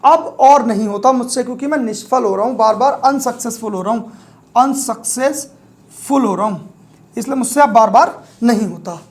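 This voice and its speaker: A man's voice: very high-pitched, brisk. A young man teaching vocabulary for exams. He explains each word with a memory trick and keeps checking in with the class. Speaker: vocabulary teacher for exam prep. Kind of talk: classroom-style lesson.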